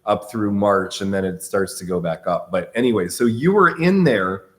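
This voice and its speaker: A man hosting a relaxed, conversational interview, explaining and asking questions informally. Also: fairly low pitch, normal speed. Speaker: podcast host. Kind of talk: casual interview chat.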